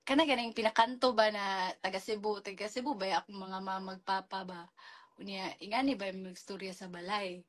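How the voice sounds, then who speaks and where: A woman's voice: mid-range voice, fairly even intonation, a little fast. A woman chatting playfully in a casual talk, slipping between languages and changing her voice as she goes. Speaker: actress in casual interview. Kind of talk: casual chat.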